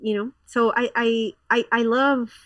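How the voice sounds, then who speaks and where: A woman's voice: a little high, fairly even intonation, unhurried, fairly bright tone, no room sound, far from the mic, highs cut off. A woman in her thirties from Colombia, a pastor, talking frankly as a guest in a casual interview, with lots of fillers and restarts.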